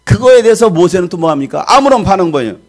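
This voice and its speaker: A middle-aged male pastor preaching a sermon, loud and given to shouting, acting out the voices of the people in his stories. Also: sits high, big pitch swings, quick pace.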